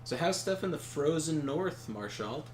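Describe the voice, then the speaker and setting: Slightly high and expressive, this co-host's voice runs at a moderate pace as he chats casually over a game stream. He rambles through anecdotes with lots of fillers and chuckles, against a roomy echo and faint background noise.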